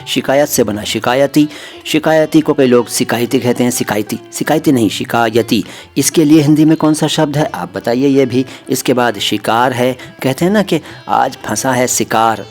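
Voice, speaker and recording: A man's voice: medium pitch, normal speed, soft background music. A man teaching the correct pronunciation of words in a patient, corrective way, speaking directly to his viewers. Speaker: language teacher. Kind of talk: pronunciation lesson.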